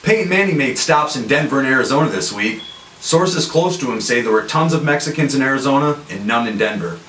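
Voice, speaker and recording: A man's voice: mid-range voice, animated, a little fast, fairly bright tone, natural voice. An echoey, slightly distant recording with faint noise of a man playing a straight-laced parody sportscaster. He sounds stiff and formal, an easily baffled announcer. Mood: businesslike. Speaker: sports anchor.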